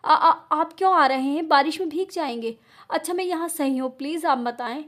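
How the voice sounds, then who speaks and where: A frightened young wife who stammers through tearful pleas, as a woman storyteller plays her in a storybook reading. The voice is high and shaky with fear. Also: fairly quick, a little mellow, close to an everyday voice. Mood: pleading.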